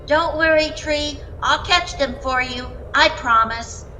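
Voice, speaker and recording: A woman's voice: high-pitched, slow pace, sharp tone, faint music behind, voice pushed up, exaggerated voice, poor audio. A woman voicing a small anxious fox. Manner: earnest, anxious, pleading. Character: small worried young male fox.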